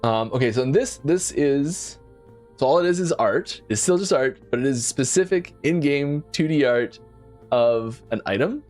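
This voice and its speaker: Man, developer stream host, casual chat, animated pitch, repeats and restarts words, faint music behind. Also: normal speed. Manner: lively, often repeats words and restarts sentences. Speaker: game developer hosting a Q&A stream. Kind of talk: casual livestream chat while playing. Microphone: desk mic.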